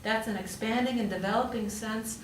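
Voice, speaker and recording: Her voice is on the high side, with fairly even intonation at a normal speed. As a pastor who's also a hospital chaplain, she tells stories in a conversational sermon, using rhetorical questions and emphatic repetition, captured by a roomy, distant mic with faint noise.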